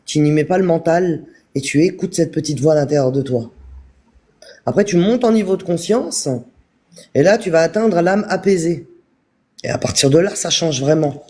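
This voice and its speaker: A man giving a calm, repetitive spiritual talk on a live stream, speaking straight to his viewers. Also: a little high, slightly rough. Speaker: spiritual teacher.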